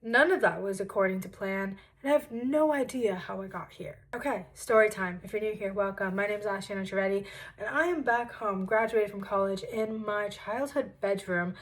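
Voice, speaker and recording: A woman in her twenties telling her story in a casual vlog from her childhood bedroom, chatty and self-deprecating with animated asides. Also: medium pitch, moderate pace, poor audio. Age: 20s. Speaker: vlogger.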